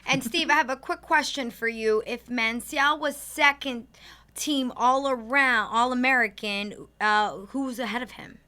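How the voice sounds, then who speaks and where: A woman's voice: on the high side, unhurried, pushed and bright. A woman hosting a live sports talk show, introducing guests and questions in a friendly, playful way.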